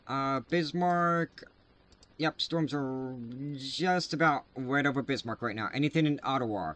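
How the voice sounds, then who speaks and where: A man hosting live severe weather coverage, talking casually and haltingly with many filler sounds at a desk mic. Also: medium pitch, a bit bright. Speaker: livestream weather host.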